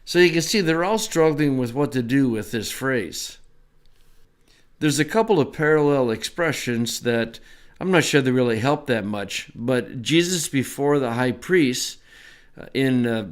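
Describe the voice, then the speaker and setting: Man giving a relaxed Bible lesson. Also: medium pitch. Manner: relaxed, conversational teaching with small asides. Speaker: Bible teacher.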